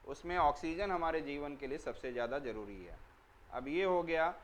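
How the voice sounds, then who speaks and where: A man gives a lesson to young pupils in a slightly raised voice. He asks the class questions and answers them himself. He spells words out slowly, letter by letter, over a faint background hiss. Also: on the high side, expressive, low-quality recording. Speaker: teacher. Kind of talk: explanatory lesson for children.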